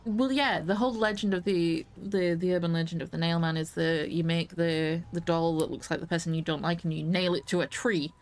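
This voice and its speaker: A woman's voice: fairly low pitch, steady tone, brisk, few pauses. A woman streaming a game, chatting casually in a rambling, self-correcting way, with a giggly edge. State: hiccups. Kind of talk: casual gaming commentary.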